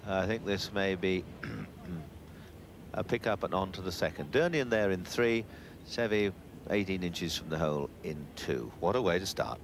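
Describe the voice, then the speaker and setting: A man giving live golf commentary in an unhurried, conversational way. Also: sits low, animated. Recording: clear outdoor background noise.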